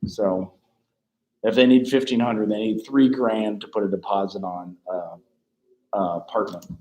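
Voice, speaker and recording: A man's voice: fairly low pitch, steady tone, low-quality recording. Man musing over a clip. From United States. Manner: musing, thinks out loud with pauses. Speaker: commentator reacting to a documentary. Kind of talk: casual commentary.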